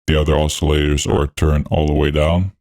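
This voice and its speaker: A man talking through a voice changer that deepens his voice. He hosts a music production tutorial, narrating each step in a laid-back, technical way with frequent fillers. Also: little pitch movement, fairly quick, darkish tone, dry recording, clean studio sound. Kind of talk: walkthrough narration over a screen recording.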